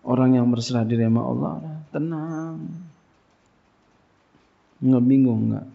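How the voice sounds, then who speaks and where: A man's voice: mid-range voice, measured pace, creaky. A man giving a casual religious lecture as a pesantren teacher, asking his listeners questions and answering them in a colloquial way. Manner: colloquial, call-and-response questions. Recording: dull lo-fi lecture recording.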